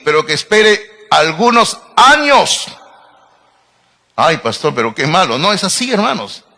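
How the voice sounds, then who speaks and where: A man's voice: fairly high pitch, pushed and bright. A middle-aged man preaching a sermon as pastor, emphatic and full of rhetorical questions to his congregation. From Peru.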